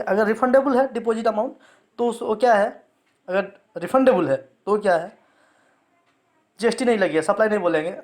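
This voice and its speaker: A man teaching a tax lecture. He checks in with the class after almost every point, reads English phrases out slowly, word by word, and often stumbles and restarts his words. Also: high voice. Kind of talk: explanatory lecture.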